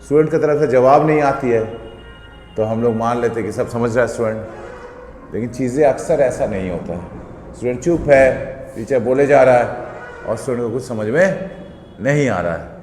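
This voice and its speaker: A man's voice: mid-range voice, normal speed, pauses often, darkish tone. Man teaching in an echoey classroom. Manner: explains step by step, keeps asking students questions. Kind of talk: classroom physics lecture. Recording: echoey room, long reverb.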